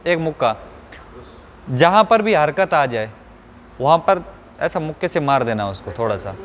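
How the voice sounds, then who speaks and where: A man teaching Quran reading, repeating each syllable in a slow sing-song chant and briefly explaining the rules in between. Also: on the high side, big pitch swings, a bit bright, a little hiss or hum. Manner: explains rules in quick bursts between drills. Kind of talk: live Quran recitation lesson, drilling syllables.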